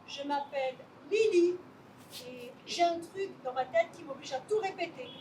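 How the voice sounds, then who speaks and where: A woman's voice: high voice, normal speed, a little mellow, slight background noise, close to an everyday voice. An actress playing a nervous, giggly woman who says every sentence twice, with a flustered delivery in an amateur stage play. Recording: stage voice from a distant mic.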